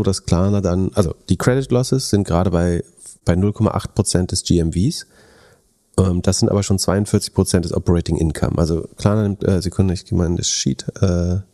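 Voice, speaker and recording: Low mellow guy cohosting a podcast, thinking out loud over numbers. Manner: analytical, works through figures while thinking aloud. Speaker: podcast co-host. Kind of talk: casual podcast chat.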